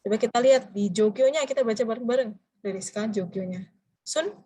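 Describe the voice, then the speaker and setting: A woman teaching a language class, explaining phrases and quizzing her students with drawn-out prompting questions. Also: a little high, dark tone, slightly rough, poor audio. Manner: switches between explaining and drilling phrases. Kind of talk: interactive classroom lecture.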